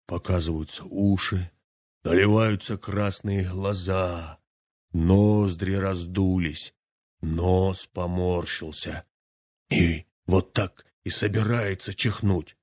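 A man narrating a folk tale aloud with lively, dramatic storytelling. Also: low voice, dry recording, clean studio sound.

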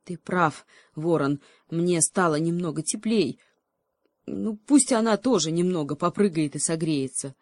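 A woman voicing a boastful, greedy male cheetah who shouts and growls in desperation. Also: fairly low pitch, animated, unhurried, dry recording, studio quality. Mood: desperate shouting.

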